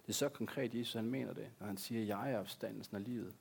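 A man's voice: lowish voice, creaky, slightly rough. A man, a pastor, preaching a sermon in an earnest way, repeating key words for emphasis.

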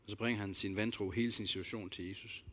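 A man's voice: fairly low pitch, steady tone, a bit bright. A man preaching a sermon, earnest and reflective, repeating key phrases and addressing listeners directly with questions. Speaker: pastor.

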